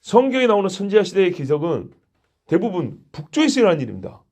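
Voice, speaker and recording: A male pastor giving an expository sermon, animated and acting out quotes as dialogue, with a gravelly, husky voice. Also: high-pitched, quick pace.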